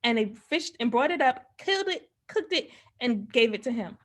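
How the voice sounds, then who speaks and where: A woman hosting a casual interview, enthusiastic, agreeing quickly and laughing along with her guest. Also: fairly high pitch, expressive. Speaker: podcast host.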